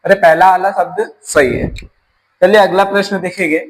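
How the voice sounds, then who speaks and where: A man's voice: high-pitched, fairly even intonation, normal speed, low-quality recording. A man from teaching an exam-prep grammar lesson, explaining step by step and asking his class rhetorical questions.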